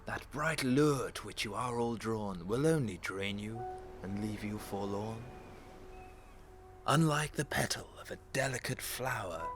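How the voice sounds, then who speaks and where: A man playing Death as a calm, philosophical, darkly mocking watcher, speaking in hushed, deliberate rhyme. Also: on the low side, faint music behind. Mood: ominous, teasing. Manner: slow, deliberate, poetic, grandiose. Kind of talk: rhymed poetic monologue.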